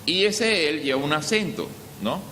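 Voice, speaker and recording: Venezuelan pastor preaching in a reverberant church. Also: male voice, animated, normal speed, pushed and bright. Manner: rhetorical questions answered by himself; dramatic swings of pitch and volume. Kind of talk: sermon. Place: church hall. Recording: long church reverb, faint ambient noise.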